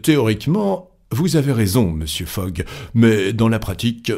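A man voicing an excitable gentleman card player who exclaims his doubts with agitation. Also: lowish voice, moderate pace, creaky, exaggerated voice. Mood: agitated.

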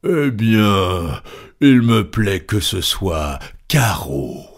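A man reading a storybook, voicing a rude, irritable American colonel in a gruff, scornful way. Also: deep voice, animated, drawn-out words, exaggerated voice. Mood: insulting.

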